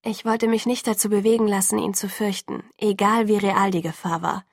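A woman calmly narrating a first-person audiobook in an even storytelling manner. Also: mid-range voice, moderate pace, no echo, studio quality.

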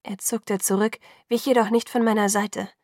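A woman narrating an audiobook in the first person, measured and sometimes hushed. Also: mid-range voice, little pitch movement, no echo, studio quality.

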